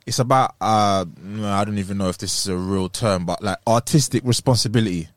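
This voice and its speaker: A man's voice: lowish voice, brisk, dry recording. A man with a London roadman accent chats casually as an interview guest, using heavy street slang and often checking that he is understood. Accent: London, urban street style.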